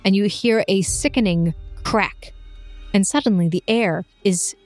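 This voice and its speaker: Woman gm telling the scene for a tabletop game, descriptive, pauses a lot, faint music behind. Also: mid-range voice, a little mellow, dry recording. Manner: descriptive, pausing between phrases. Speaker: game master. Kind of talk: improvised tabletop game narration.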